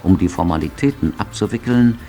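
A man narrating a radio drama in a measured storytelling manner. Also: on the low side, dark tone. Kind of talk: scripted narration. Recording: narration over music.

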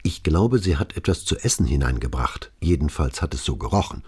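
A man's voice: extremely low pitch, animated, brisk, darkish tone, husky, exaggerated voice. A man as an eager, dutiful young policeman.

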